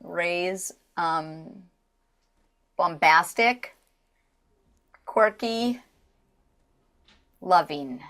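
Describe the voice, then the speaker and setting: Woman, voice actress, guest interview, naturally low voice, animated, casual, lots of fillers. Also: very slow, long pauses. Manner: animated, slips into character voices, filler-heavy.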